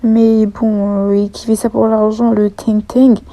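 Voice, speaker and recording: A woman's voice: medium pitch, level tone, a little slow, warm tone, low-quality recording. A woman telling a storytime vlog, hesitant and full of fillers, often dropping to a half-whisper. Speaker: YouTuber telling online drama.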